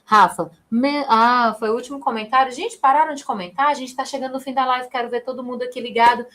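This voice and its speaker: A woman's voice: on the high side, fairly even intonation, fast, a bit bright. Chatty Brazilian woman teaching live. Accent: Brazilian Portuguese. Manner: chatty, reads chat, addresses students by name. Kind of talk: live online class.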